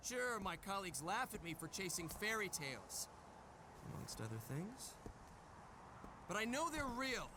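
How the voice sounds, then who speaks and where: Luka, cocky, high-pitched young journalist. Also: male voice, big pitch swings, moderate pace, long pauses. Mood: defiant. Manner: suave, dramatic, smug. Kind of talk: theatrical video game voice acting. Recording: game audio with clear background noise.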